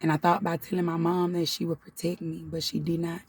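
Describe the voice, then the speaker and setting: A woman in her thirties speaks in a low, husky, mellow voice with very little rise and fall, fighting back tears as she talks to her viewers. Her tone is casual and heartfelt, and she keeps calling them "y'all". She sits a little back from the mic, so the sound is slightly distant. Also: little pitch movement, a little fast. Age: 30s. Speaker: spiritual channel host. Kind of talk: personal confessional vlog.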